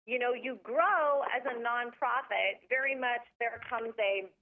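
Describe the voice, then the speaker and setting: A woman telling the story of how she founded a nonprofit, in a chatty, animated way. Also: on the high side, unhurried. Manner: animated, chatty, acts out quoted dialogue. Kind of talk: conversational interview storytelling. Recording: tinny phone-like line.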